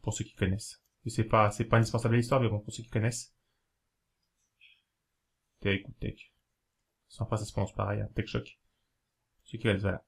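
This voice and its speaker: A man talking casually to camera, giving practical tips in a rambling, hesitant way, with many fillers and self-corrections, slowing down to spell things out. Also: lowish voice, flat delivery, vocal fry, husky. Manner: explains slowly, spelling things out while writing. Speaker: video host giving learning tips.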